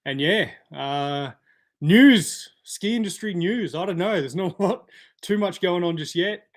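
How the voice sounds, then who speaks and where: A man's voice: sits high, moderate pace. A man hosting a casual live stream, chatting and answering viewer comments by name. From Australia.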